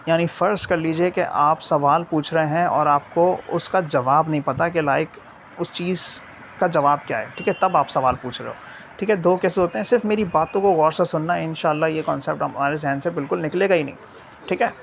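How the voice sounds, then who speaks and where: A man's voice: fairly high pitch, fairly quick, vocal fry, a little hiss or hum. A man from Pakistan, an English teacher explaining a video lesson in a mix of Urdu and English, checking in with "theek hai" after nearly every phrase.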